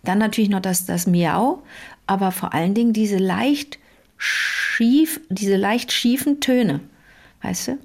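A woman's voice: mid-range voice, measured pace, darkish tone. A woman co-hosting a casual phone chat, telling a long story with many fillers and restarts. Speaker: podcast co-host.

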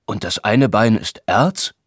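A man's voice: fairly low pitch, slow pace, slightly rough, no echo, clean studio sound. A man voicing a bewildered male god in a Greek comedy, read aloud in an audiobook. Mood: nervous. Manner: nervous, questioning. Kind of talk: audiobook reading.

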